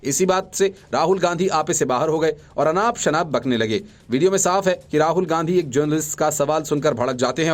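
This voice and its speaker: A man reading scripted news reports as a voice-over, in a brisk and emphatic bulletin style. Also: fairly high pitch. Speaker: news reader.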